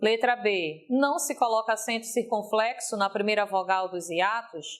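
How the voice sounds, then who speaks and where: A woman teacher giving a recorded video lesson, stretching example words slowly and checking in with a frequent "ok?". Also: mid-range voice.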